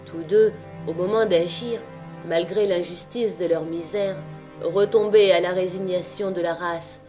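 A woman narrating a classic novel as an audiobook reader, in a measured way. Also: fairly low pitch, steady tone, music in the background.

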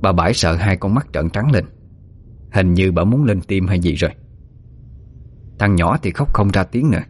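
A man's voice: low voice, normal speed, slightly rough. A man narrating a ghost story vividly.

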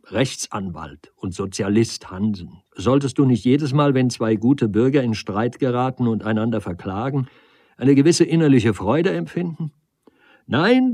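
A man's voice: mid-range voice, a little mellow, no room sound, clean studio sound, pitched above the performer's own voice. A man reading the lines of an intense young man who argues with fervent conviction in a storybook. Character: intense young man, earnest wandering philosopher.

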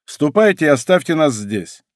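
A haughty nobleman leading armed riders, as a man reading aloud puts him on, who expects to be obeyed at once. His voice is raised and loud, with lively pitch swings. The sound is close and dry. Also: normal speed, no echo. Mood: commanding. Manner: commanding, haughty. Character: imperious noble leader of an ambush, used to obedience. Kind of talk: audiobook character voice.

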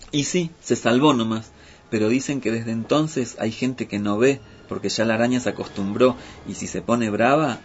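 A man telling a folk tale in a lively, playful way. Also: fairly low pitch, a little hiss or hum. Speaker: storyteller. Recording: muffled with faint music.

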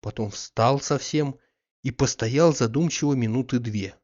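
Brief: мужчина-чтец аудиокниги, размеренно и очень неспешно, голос средней высоты, звук глуховатый. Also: male voice, medium pitch. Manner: measured, even reading. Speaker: audiobook narrator. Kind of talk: scripted literary narration. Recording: slightly muffled audiobook recording.

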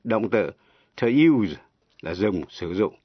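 A man teaching English pronunciation on the radio, slow and deliberate, spelling words out letter by letter. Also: fairly low pitch, expressive, husky, dry recording. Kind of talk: slow radio language lesson. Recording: dull, lo-fi radio broadcast.

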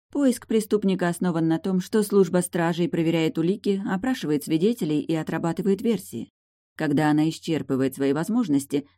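A woman narrating a crime novel as an audiobook, in an even, measured reading. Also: deep voice, dry recording, studio quality. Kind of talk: scripted narration.

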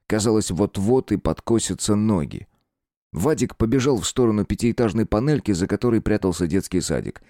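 A man narrates a horror story in a measured, expressive reading. His voice is deep and dark, with a lively, rolling intonation. The sound is close and dry, with no room around it. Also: no room sound. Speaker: audiobook narrator.

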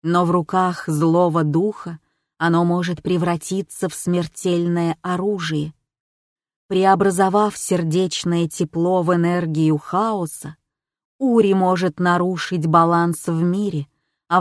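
A woman narrating a first-person audiobook in a measured, calm storytelling manner. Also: on the low side, dry recording, studio quality.

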